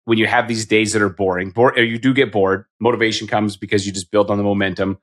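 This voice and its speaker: Quick chatty guy, 50s, kinda low voice, jokes at his own expense. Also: steady tone, fairly bright tone. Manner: chatty, self-deprecating, rambling questions. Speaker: podcast host. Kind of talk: casual interview.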